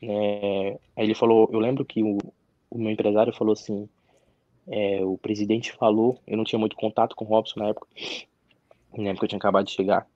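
A young man, a professional footballer, telling his story as an interview guest in a halting way, repeating words and restarting. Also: lowish voice, flat delivery, no echo. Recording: dry, slightly dull audio.

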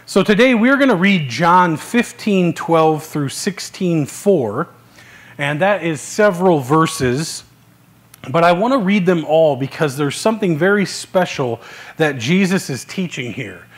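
A man giving a Sunday sermon as pastor, talking in a relaxed, conversational way with many "uh" fillers. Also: a little high, measured pace. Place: church service, live-streamed.

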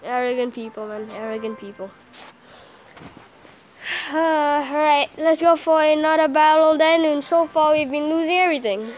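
A woman giving live gameplay commentary as a channel host, excitable and quick to exclaim and groan at each play. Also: high voice, soft background music.

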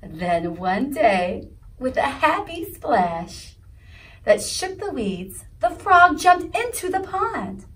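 Sing-songy story time lady reading a kids book, slow and lively, sounds a bit far off. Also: high voice. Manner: sing-song, animated, asks children questions. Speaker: children's story time leader. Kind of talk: reading a picture book aloud to children. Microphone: video recording.

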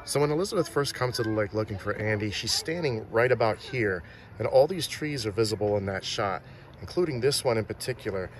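A man's voice: lowish voice, expressive, fairly quick, a crowd in the background. A man filming with a handheld phone outdoors, casually narrating a tour of filming locations and pointing out details. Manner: chatty, pointing things out, restarts often. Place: outdoors and at shop windows in a small town.

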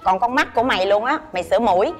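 A woman's voice: mid-range voice, lively intonation, rapid-fire, faint music behind, close to an everyday voice. An actress playing a flashy, bossy woman who mocks her plain friend. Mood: bossy mocking. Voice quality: loud, bossy, mocking. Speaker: actress in a TV drama.

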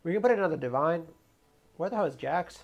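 A man streaming a strategy game, thinking aloud about his moves in low mutters with sudden excited outbursts. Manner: mutters plans to himself, quick bursts of surprise. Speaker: gaming streamer. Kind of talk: gameplay commentary, thinking aloud.

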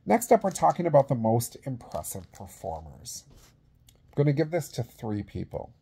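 Husky, creaky man presenting awards casually. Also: medium pitch, big pitch swings, moderate pace, warm tone. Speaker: vlog host presenting awards. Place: small indoor room with plain wall. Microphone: phone at arm's length.

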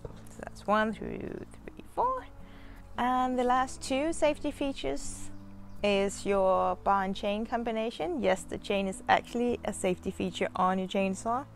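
A woman in her thirties talks viewers through a hands-on demonstration in an easy, unhurried way, taking her time between phrases. She sounds relaxed and chatty, with the odd filler, recorded outdoors on a clip-on mic. Soft music sits quietly underneath. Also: medium pitch, vocal fry. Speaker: chainsaw channel host. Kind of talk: casual demonstration. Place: outdoors in a garden.

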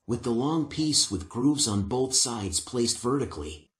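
An older man explains each step of assembling a wooden piece in a calm, methodical way. His voice sits in a middle register and carries a noticeable room echo from the workshop around him. He speaks on a lapel mic. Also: medium pitch, a little slow. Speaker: woodworking instructor. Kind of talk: step-by-step craft instruction. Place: indoor woodworking workshop.

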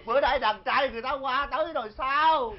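Comedy skit: woman as a gruff, panicky country father, barking orders, muffled recording. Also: sits high, heavy background noise, lightly acted. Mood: panicked. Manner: blunt, bossy, quick to panic. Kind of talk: stage comedy sketch.

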